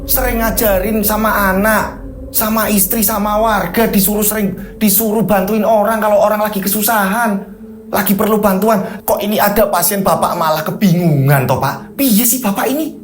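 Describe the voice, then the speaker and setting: A man's voice: high-pitched, moderate pace, echoey room, slight background noise, pitched above the performer's own voice, close to an everyday voice. A man voicing a healer's middle-aged wife, scolding and questioning her husband. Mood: nagging.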